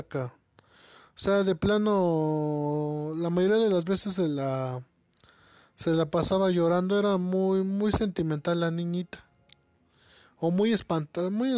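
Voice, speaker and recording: Young mexican dude telling a story, high-pitched, lots of slang, dry close sound. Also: male voice, unhurried, darkish tone, no echo. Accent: Mexican Spanish. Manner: slangy, laughing, peppers talk with "güey". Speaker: storyteller in casual chat. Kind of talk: casual chat.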